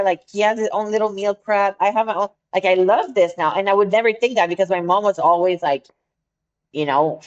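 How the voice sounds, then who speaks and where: In a lowish voice captured with lo-fi sound, a woman co-hosts a podcast. She has a French accent, speaks English as a second language, and chats casually in an earnest way, groping for words.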